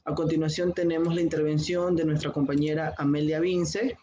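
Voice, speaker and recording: A man's voice: on the high side, flat delivery, moderate pace, warm tone, dull audio, a little hiss or hum. A man student opening and giving part of a class presentation, reading steadily with small hesitations. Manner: reads steadily with occasional "eh" fillers.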